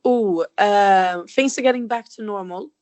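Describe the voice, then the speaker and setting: A woman's voice: mid-range voice, a little slow, a little mellow, no echo. A young woman in her twenties with a Swedish accent, co-hosting a casual podcast as a holistic health coach, friendly and easygoing. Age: 20s. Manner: friendly, easygoing, laughs often. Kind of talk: casual chat.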